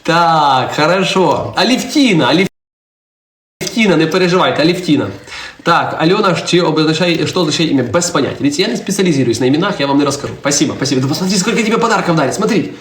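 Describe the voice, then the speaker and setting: Fast-talking young priest in echoey church. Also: male voice, a little high, animated, fairly bright tone. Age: 20s. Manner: chatty, answers viewer comments, teases his little daughter. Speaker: priest streaming live. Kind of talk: casual live-stream chat. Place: church interior. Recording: roomy echo, faint background noise.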